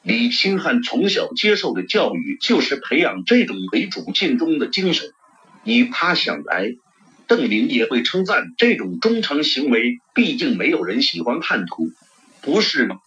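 Brief: male novel narrator, lively rising-and-falling delivery, muffled lo-fi sound. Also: medium pitch, normal speed. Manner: expressive storytelling. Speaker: audiobook narrator. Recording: dull lo-fi recording.

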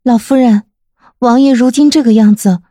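A woman voicing a polite young maid who speaks gently and respectfully to an old lady. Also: fairly high pitch, fairly even intonation, normal speed, dry recording, studio quality, voice pushed up, lightly acted. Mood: polite earnest. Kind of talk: audiobook character voice.

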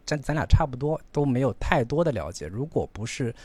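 A man's voice: medium pitch, very animated, fairly quick, darkish tone, breathy edge, no echo. A man co-hosting a podcast who chats casually about films and repeats words as he thinks. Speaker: podcast co-host. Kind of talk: casual film discussion.

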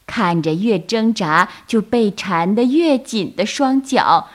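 A woman telling a children's bedtime story, speaking in a gentle, coaxing tone to young listeners. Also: mid-range voice.

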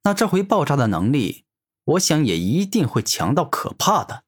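A man voicing an arrogant young male hero who talks in a calm, teasing way in an audiobook. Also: a little high, normal speed, slightly rough, voice pushed up. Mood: mocking. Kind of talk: audiobook character voice.

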